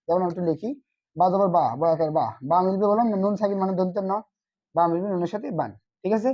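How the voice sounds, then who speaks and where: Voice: mid-range voice, fairly even intonation, fast talker, dull audio. A Quran reading teacher giving an online lesson, asking short questions and answering them himself.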